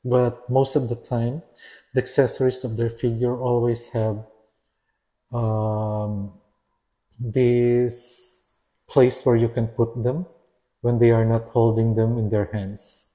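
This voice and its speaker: A man's voice: mid-range voice, little pitch movement, takes it slowly, mellow. A man reviewing an action figure in a casual, hesitant way, often stopping to restart and correct himself. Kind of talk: casual product review narration.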